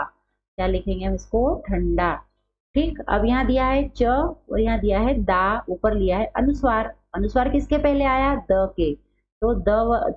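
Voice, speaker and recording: A woman teaching a grammar lesson, who poses questions to the class and answers them herself, repeating key terms. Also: fairly high pitch. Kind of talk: Hindi grammar lesson, explaining at a board. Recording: dull lo-fi recording with faint hum.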